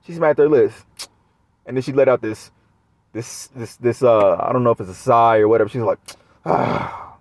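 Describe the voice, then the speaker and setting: A man's voice: medium pitch, a little fast, a little mellow, dry recording. A man talking straight to his viewers in a casual monologue, rambling and swearing often. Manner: profane, rambling. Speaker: vlogger.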